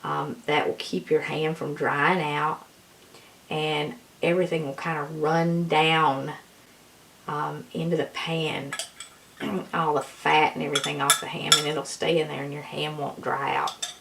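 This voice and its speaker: A woman gives a folksy, casual cooking tutorial in a hoarse voice that is giving out. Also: low-pitched, level tone, unhurried, fairly bright tone. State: hoarse, losing her voice. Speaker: home cook presenting a recipe.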